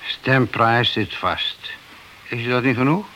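A radio drama actor plays a principled police detective with long years of service, admonishing someone in a matter-of-fact way. His mid-range voice is bright and forceful and he takes it slowly. It's an old radio recording, hissy and noisy.

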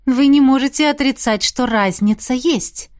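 A woman's voice: sits high, a little mellow, pitched above the performer's own voice, natural voice. Miranda, a cheeky young witch, read by a woman. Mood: teasing, eager. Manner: cheeky, quick, teasing. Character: bold sharp-tongued young female magic student.

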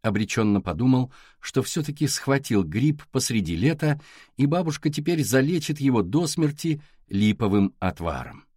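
Expressive man reading an audiobook. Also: mid-range voice, moderate pace, breathy edge, no room sound, studio quality. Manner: expressive reading with acted dialogue. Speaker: audiobook narrator. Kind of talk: scripted narration.

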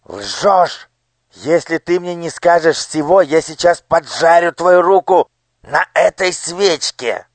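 A man voicing a cruel male minister with a squeaky, shrill voice in an audiobook. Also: measured pace, no echo, natural voice. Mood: furious. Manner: menacing, shouting threats. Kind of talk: audiobook character voice.

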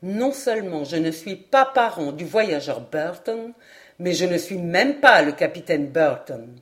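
A woman reading an audiobook, voicing a young male ship captain who calmly sets a stranger straight. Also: on the low side, measured pace, voice pushed down. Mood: firm.

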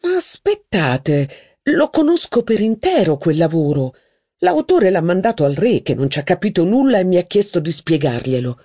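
A man reading an audiobook, voicing an amused, sardonic aristocratic gentleman with a slow drawl. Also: sits high, big pitch swings, voice pushed up.

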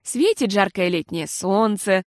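A woman voicing a patient, tired mother who talks slowly and soothingly. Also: mid-range voice, animated, no echo, clean studio sound, lightly acted. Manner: slow and soothing.

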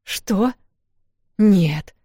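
A woman voicing a defiant, stubborn young sister who protests in a high, strained voice. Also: a little slow, mellow, no echo, clean studio sound.

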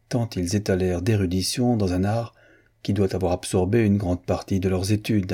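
A man narrating a classic novel as an audiobook reader, in an even, unhurried manner. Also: low-pitched, breathy edge.

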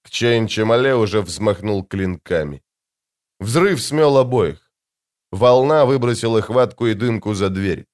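A man narrating an audiobook in an expressive, dramatic manner with tense, measured delivery. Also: on the low side.

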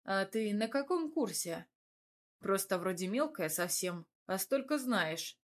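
A brash, easygoing young sportsman, as a woman puts him on in an audiobook, speaking calmly in a slow, teasing drawl. He sounds unbothered and sure of himself. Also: medium pitch. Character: cocky teasing young male athlete.

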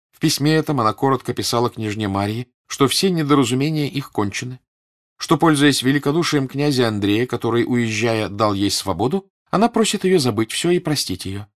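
A man giving a measured audiobook reading of a classic novel. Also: medium pitch. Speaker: narrator.

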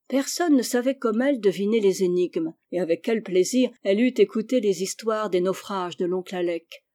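A woman's voice: medium pitch, warm tone. Woman reading a classic children's novel. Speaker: audiobook reader. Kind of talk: scripted narration.

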